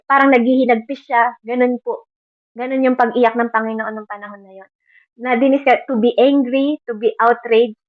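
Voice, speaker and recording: A woman with a Filipino accent preaching a sermon earnestly, quoting Bible verses in English. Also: high-pitched. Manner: earnest, mixing Tagalog with English Bible quotes. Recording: dull lo-fi recording.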